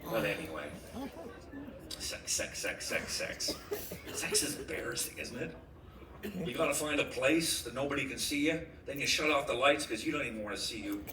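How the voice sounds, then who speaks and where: A man's voice: mid-range voice, animated, normal speed. A middle-aged man doing a stand-up comedy set, telling stories with punchy delivery and acting out voices. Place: comedy club stage before a live audience. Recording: echoey club recorded from far off, noisy.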